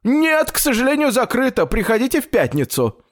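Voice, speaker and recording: A man voicing a fussy, chatty male tailor who rambles excitedly. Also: very high-pitched, a little fast, pitched above the performer's own voice. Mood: excitable, chatty.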